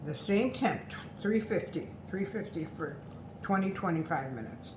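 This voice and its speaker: A woman's voice: fairly low pitch, expressive, normal speed, echoey room, background noise. A middle-aged woman hosting a home cooking show, chatting cheerfully and giggling as she explains the recipe. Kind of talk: casual cooking chat. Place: home kitchen, later outdoors.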